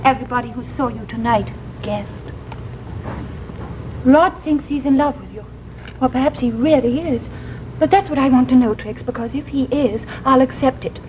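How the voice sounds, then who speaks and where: An earnest young wife in a 1950s TV drama, her high voice quiet, steady and pleading. The old broadcast sound is muffled, with a soft hiss behind her. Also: normal speed.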